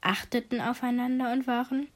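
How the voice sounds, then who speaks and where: A woman voicing a young, kind princess in a storybook tale, speaking gently and with wonder. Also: fairly high pitch, fairly even intonation, brisk, close to an everyday voice.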